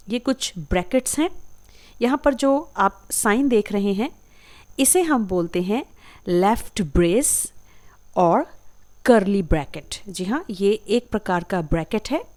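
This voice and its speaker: A woman, teaching a vocabulary lesson as a voice-over for slides, patiently saying each term and repeating it with care. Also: on the high side. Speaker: English teacher. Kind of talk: slow explanatory lesson.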